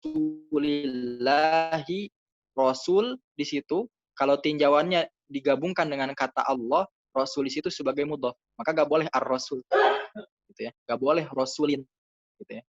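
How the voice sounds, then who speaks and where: A man walks through grammar answers at a middling pitch, patient and chatty, leaning on little fillers as he explains. The sound is dull and dry, close and without room echo. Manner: patient, casual, many fillers and "gitu ya". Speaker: Arabic grammar teacher.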